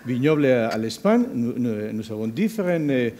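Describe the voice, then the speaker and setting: Halting Spanish-accented man presenting, mellow voice. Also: medium pitch, big pitch swings, slight background noise. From Spain. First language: not a native French speaker. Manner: foreign-accented, halting French with frequent word searching. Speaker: university researcher giving a presentation. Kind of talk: conference presentation.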